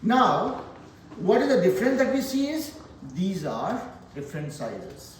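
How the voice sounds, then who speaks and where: A man's voice: high-pitched, very animated, a little slow, slight background noise. A man teaching a math class, mixing pep talk with dad jokes and talking straight to his students. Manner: joking, motivational, addresses class directly. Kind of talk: classroom lesson. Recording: echoey classroom from far off.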